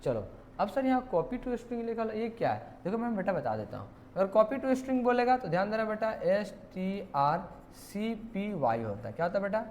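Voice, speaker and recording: Playful tinged teacher. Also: male voice, high voice, very animated, moderate pace, a little mellow, slight background noise. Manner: playful, repeats questions to students, calls them "beta". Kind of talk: exam question walkthrough lesson.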